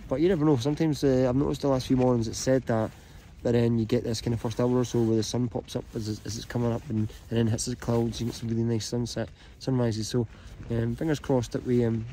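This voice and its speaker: Hiking vlogger in his thirties, soft warm voice, easygoing rambling delivery, recorded close in a tent with faint outdoor hiss. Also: medium pitch. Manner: relaxed, rambling, many ums. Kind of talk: casual vlog talk to camera. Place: inside a small tent on a mountain at night. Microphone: camera held close while lying down.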